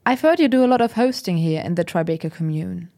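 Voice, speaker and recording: A woman playing a friendly, curious oral-history interviewer in an audio drama, asking questions in an encouraging, expressive way. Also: on the low side, fast talker, vocal fry. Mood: curious, impressed. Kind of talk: conversational interview acting.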